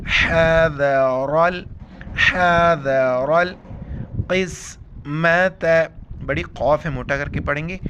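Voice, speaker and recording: A man teaching Quran recitation rules, explaining letter by letter and then reciting words slowly and drawn out. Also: medium pitch, fairly bright tone, a little hiss or hum.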